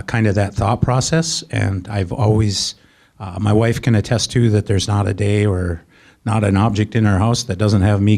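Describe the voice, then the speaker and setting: A middle-aged man telling a personal story as a panel guest, soft-spoken and halting with many fillers. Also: on the low side, vocal fry.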